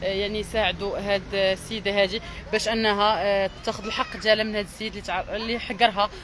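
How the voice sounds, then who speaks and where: A woman with a Moroccan accent reporting live from the street and pressing her interviewee with brisk, insistent questions. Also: medium pitch, steady tone. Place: outdoors on a city street. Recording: street noise.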